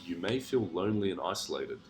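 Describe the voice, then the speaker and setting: A man putting on a low, sultry horoscope reader. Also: animated, fairly quick, darkish tone, faint music behind. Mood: mock sultry. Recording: roomy echo.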